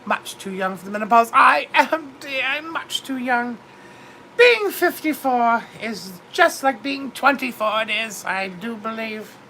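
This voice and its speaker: A woman hosts an in-character livestream as a vain, widowed British duchess in her fifties, theatrically chatting with viewers in a grand mood and calling everyone darling. Her fairly high voice is expressive, exaggerated, pushed and bright, and a little slow. The recording is rough, with a faint hiss or hum.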